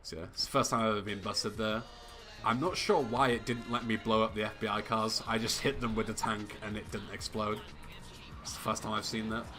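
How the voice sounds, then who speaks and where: A man casually commenting on his own live speedrun, low-key and swearing freely. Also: fairly even intonation, fairly quick. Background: game music and sirens.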